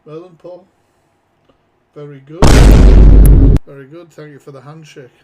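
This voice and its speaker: A man's voice: fairly high pitch, fairly even intonation, a little fast, very noisy. A man hosting a casual live reaction stream from home, sweary and chatty, wearing headphones. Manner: sweary, chatty, mock-exasperated. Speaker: livestream reaction host. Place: home, talking to his pet.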